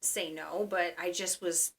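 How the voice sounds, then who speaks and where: A woman with a bright, forceful tone tells a long personal story in easy conversation. She talks in a chatty way, leaning on fillers as she goes. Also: lowish voice, fairly even intonation, measured pace, creaky. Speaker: dreamer guest.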